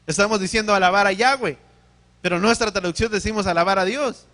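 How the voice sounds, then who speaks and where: This sermon comes from a man with a high, bright voice who speaks fast. He teaches with care, poses questions to the audience and corrects himself along the way.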